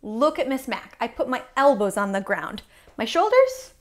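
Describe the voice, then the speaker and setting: A woman teaching yoga to young children, playful and silly, with sudden high exclamations. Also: normal speed. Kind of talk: guided kids' yoga lesson.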